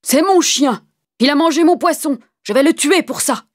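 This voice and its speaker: Woman doing a storybook villain: greedy, cruel, loud, blustering, high-pitched. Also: moderate pace, natural voice. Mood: furious. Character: greedy cruel mean man, angry and grasping.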